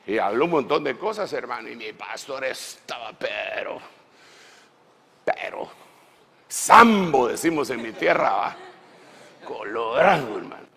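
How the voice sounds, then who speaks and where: A man preaches an animated sermon with a gravelly, fry-edged voice. His pitch swoops widely between shouted peaks and low, folksy asides to his brothers. A long reverb from the church hall trails his words. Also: a little slow, pauses often. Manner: folksy, addresses listeners as brother. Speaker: apostle preaching at a church conference.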